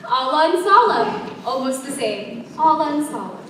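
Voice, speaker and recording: A woman's voice: high-pitched, very animated, normal speed. An actress playing a young woman who gives firm, soothing reassurance, in a stage play recorded from far off in an echoey hall. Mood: reassuring. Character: young woman, calm and firmly comforting. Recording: echoey stage miked from far off, faint noise.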